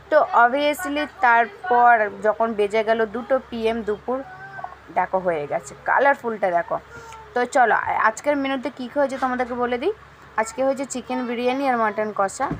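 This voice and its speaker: A woman vlogger in her thirties narrates over her footage in a chatty, direct way. Her voice is hoarse and sits a little high. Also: fairly bright tone, slight background noise. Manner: chatty, addresses viewers directly.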